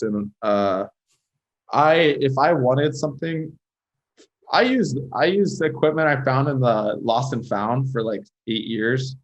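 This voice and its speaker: Heard through a muffled recording, this mid-range-voiced man in his thirties from Southern California is a guest on a casual podcast interview. Once a pro hockey player, he tends to ramble, often starts over, and uses "like" as filler throughout.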